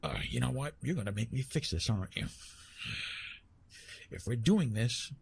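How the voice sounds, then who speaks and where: This man, voicing a retired immortal Greek god of love for an ASMR roleplay, addresses the listener with soothing, conversational, lightly teasing warmth. His medium-pitched voice is animated and creaky, at a normal speed, with a slight hiss or hum underneath. He comes across as caring and soft.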